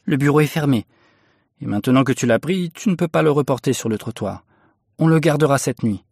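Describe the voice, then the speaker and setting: A man voicing a middle-aged bargeman's wife who scolds her husband in a shrill, harsh voice, in a storybook reading. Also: brisk, creaky, a little mellow, breathy edge, dry recording, clean studio sound. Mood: gruff. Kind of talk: audiobook character voice.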